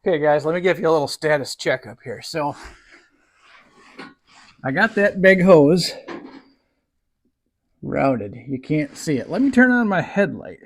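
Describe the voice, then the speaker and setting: A man with a notably high voice talks his viewers through a tractor repair as he works. His manner is folksy and easygoing, like chatting in his own barn. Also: very animated, a little slow, vocal fry, long pauses. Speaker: DIY tractor mechanic. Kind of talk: casual narration while working.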